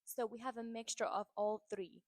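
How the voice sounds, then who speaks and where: A woman from the Republic, calmly explaining her point of view in a social media monologue. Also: fairly high pitch, no room sound. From Dominican Republic. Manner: earnest, measured, explaining. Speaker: content creator.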